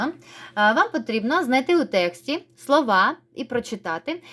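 A woman's voice: on the high side, fairly bright tone. A woman teacher giving a recorded reading lesson for children, speaking in friendly, encouraging instructions. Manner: slow, clear word-by-word dictation.

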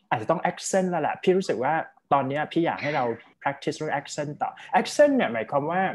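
A man's voice: fairly high pitch, darkish tone. A man with a Thai accent, an English speaking tutor giving chatty feedback and explaining with examples. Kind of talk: casual coaching feedback.

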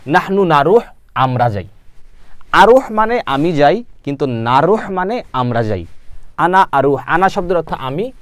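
A man's voice: fairly high pitch, big pitch swings, measured pace, dry recording. Male Arabic teacher drilling vocabulary. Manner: repeats words and asks then answers his own questions. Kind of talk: spoken language lesson.

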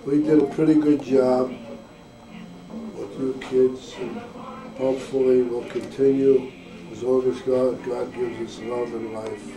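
A man's voice: mid-range voice, little pitch movement, a little slow. Older man on an old VHS home video. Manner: plain, simple short sentences. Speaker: grandfather and navy veteran. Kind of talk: family home-video interview. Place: family home at Christmas. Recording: echoey, distant camcorder mic with music behind.

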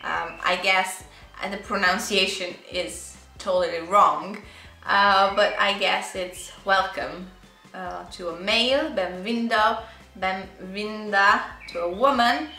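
Young italian woman, accented english, very slow, playful and giggly, echoey room at home. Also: medium pitch, sharp tone, faint music behind. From Italy. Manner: playful, giggly, stumbles and repeats words. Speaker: vlogger. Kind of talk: casual language-challenge vlog.

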